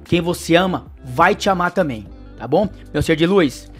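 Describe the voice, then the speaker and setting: A man with a Brazilian Portuguese accent hosting an astrology channel. He reads the daily horoscope and pitches his services, speaking to the listener directly in an affectionate, upbeat way. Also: animated, normal speed, faint music behind. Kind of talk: horoscope reading and sales pitch.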